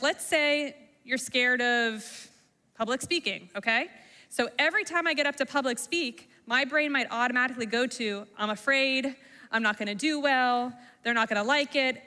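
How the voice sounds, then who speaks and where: A woman with a high, bright voice leads a middle school lesson, pausing often to ask the students questions. Her voice rings out with a long reverb, as in a school hall. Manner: engaging, asks the class questions. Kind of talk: classroom talk to middle schoolers.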